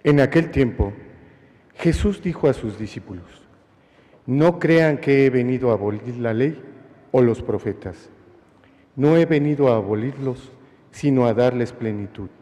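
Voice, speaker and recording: A man's voice: medium pitch, unhurried, mellow. A man, a priest, reading the Gospel at Mass in a solemn liturgical style. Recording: long church hall reverb.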